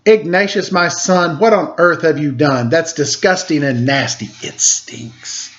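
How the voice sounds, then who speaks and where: A man's voice: fairly high pitch, measured pace, a bit bright. A man voicing a young boy's exclaiming, dramatic mother in a storybook reading. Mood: disgusted scolding. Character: dismayed, exclaiming mother of a small boy. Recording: dull lo-fi sound.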